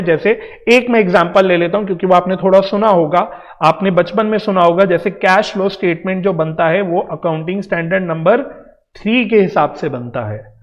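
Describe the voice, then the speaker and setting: Indian guy teaching accounts, high voice, kinda muffled and echoey. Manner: explains patiently in Hindi-English mix, addresses students directly. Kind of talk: online coaching lecture. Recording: dull sound with long reverb.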